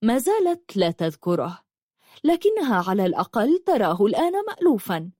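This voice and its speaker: A woman narrating a novel as an expressive audiobook reader. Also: medium pitch, fairly quick, husky, no echo, studio quality. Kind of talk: scripted narration.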